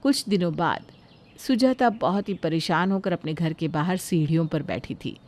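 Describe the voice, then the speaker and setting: A woman narrating a moral story in a steady, scripted storytelling manner. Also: on the low side, moderate pace.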